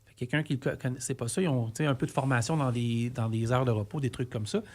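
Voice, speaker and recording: A man's voice: mid-range voice, fairly even intonation, fast talker. A man in his forties with a Québécois accent speaks in a mid-range voice, sharing his view as a truck driver. He talks in earnest and rambles, often restarting his sentences in loose podcast chat. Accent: Québécois French. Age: 40s. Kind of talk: casual podcast discussion.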